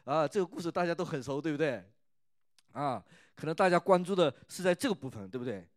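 Higher-voiced male preacher, dry sound. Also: animated, fast, dry recording. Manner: keeps asking the listeners "right?" with many "ah" fillers; retells and rereads scripture in a conversational tone. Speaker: preacher at a youth church service. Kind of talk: sermon.

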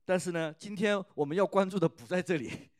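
A man's voice: high voice, a little fast, a little mellow, no room sound, studio quality. A man preaching at a youth church service, who keeps asking the listeners "right?" and retells scripture in a conversational tone. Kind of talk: sermon.

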